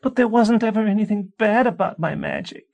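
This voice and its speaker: Here a man narrates, giving voice to a desperate young wife who practices witchcraft in secret and turns shrill as she pleads and accuses. He moves briskly in a somewhat mellow voice, the audio sounds dull, and the mood is shrill and accusing.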